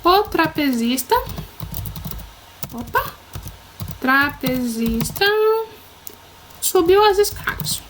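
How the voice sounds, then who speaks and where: Woman, Brazilian Portuguese accent, teacher, high voice, slow, patient, encouraging. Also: slight background noise, poor audio. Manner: patient, encouraging, checks in often. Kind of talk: recorded lesson for children.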